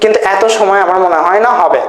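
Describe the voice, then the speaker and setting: A man teaching an exam-prep lesson, repeating his points, often asking "thik ache?" and spelling words out slowly syllable by syllable. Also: high-pitched, fairly bright tone. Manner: repetitive, checks in with "thik ache?". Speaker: tutor. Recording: echoey room.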